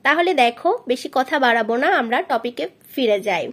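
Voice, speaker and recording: A woman with a Bengali accent teaching letter sounds to children, modeling each sound slowly and clearly. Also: on the high side, expressive, fairly bright tone. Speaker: English teacher on a video channel. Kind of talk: phonics lesson for children.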